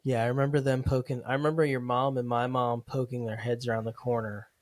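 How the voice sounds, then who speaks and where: A man's voice: mid-range voice, level tone, fast, no room sound. A man in his thirties co-hosting a family podcast, talking in a loose, casual way and saying "dude" often. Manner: laid-back, says "dude" and "like" a lot. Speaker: podcast co-host. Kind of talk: casual conversation.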